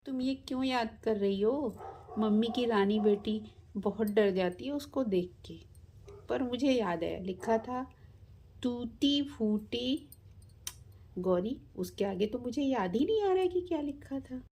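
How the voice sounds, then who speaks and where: A woman's voice: fairly high pitch, animated, a little slow, dark tone, husky, exaggerated voice. Woman doing a timid little girl. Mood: nervous. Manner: nervous, refers to herself fondly. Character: young girl, timid and easily scared.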